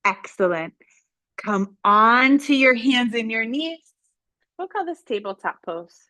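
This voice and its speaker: A woman yoga instructor gently guiding children and families through poses, with playful, encouraging cues. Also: a little high, lively intonation, unhurried, no room sound. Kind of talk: guided kids' yoga instruction.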